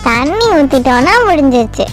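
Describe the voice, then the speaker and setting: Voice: high voice, expressive, fairly quick, music in the background. A performer voicing a bossy, fussy old grandmother who scolds and coaxes while bathing babies, in a doll play-acting drama. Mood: coaxing.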